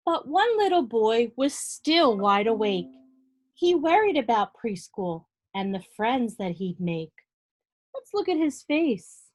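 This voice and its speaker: A preschool teacher with a medium-pitched voice reads aloud to young children in a lively, animated way. She pauses for simple explanations and asks the children questions directly.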